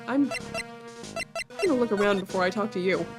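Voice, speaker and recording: Female let's-play commentator, mid-pitched, offhand and dry, reading lines aloud over game music. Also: fairly quick. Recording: music playing behind the voice.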